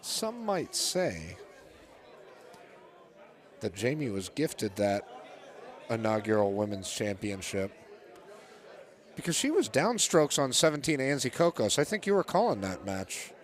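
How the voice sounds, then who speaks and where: A man serves as co-commentator for a golf tournament. His pitch is average for a man. He talks in a casual, chatty style, full of informal opinions and banter. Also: big pitch swings, unhurried, long pauses, a faint crowd.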